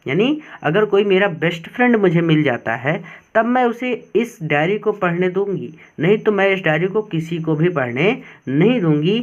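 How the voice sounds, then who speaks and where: Male teacher, fairly high voice, unhurried line-by-line lesson delivery, slightly dull lo-fi sound. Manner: reads English lines slowly, then explains quickly in Hindi. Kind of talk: line-by-line English lesson explained in Hindi.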